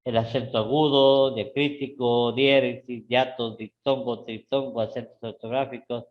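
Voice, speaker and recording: A middle-aged man with an Ecuadorian Spanish accent teaching a live class, often checking in with his students and rising sharply in pitch on key words. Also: normal speed, dull audio. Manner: repeats "¿sí?" and "¿no es cierto?" to check on students; lively, with sudden rises in pitch.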